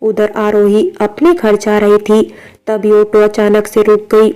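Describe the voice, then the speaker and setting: A woman narrates a scripted story with a calm, even delivery. Her voice is smooth and clear, with a warm, mellow tone. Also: medium pitch, takes it slowly, rough recording.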